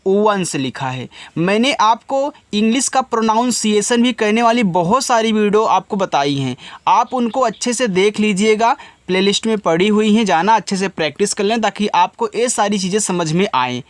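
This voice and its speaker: Man teaching in a lively, patient voice. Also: sits high, normal speed, no echo. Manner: patient, repeats each step, often asks listeners directly. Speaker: English teacher. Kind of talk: casual spoken lesson.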